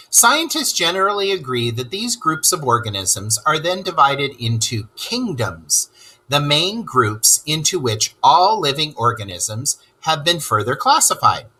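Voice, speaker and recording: A read-aloud teacher plays a cheery rat character, a globe-trotting animal expert, quizzing children with enthusiasm during a lesson. The voice is exaggerated, fairly high, bright and forceful with a breathy edge, and the recording quality is low.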